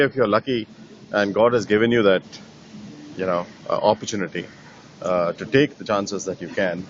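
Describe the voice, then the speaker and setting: Low-voiced middle-aged man from Nepal. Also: highs cut off, slight background noise. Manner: thoughtful, with many fillers and restarts. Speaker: painter. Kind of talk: conversational interview.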